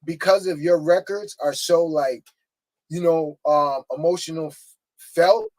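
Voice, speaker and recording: A man's voice: a little high, fairly even intonation, unhurried, a little mellow. A man co-hosting a casual interview, asking long rambling questions full of fillers. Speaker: co-host.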